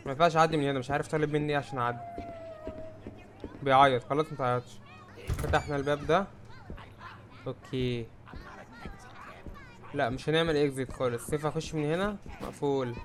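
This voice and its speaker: Jumpy, fast-talking Egyptian gamer man. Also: medium pitch, fairly even intonation. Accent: Egyptian Arabic. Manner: jumpy, yelps and shouts when startled. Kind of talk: let's-play commentary.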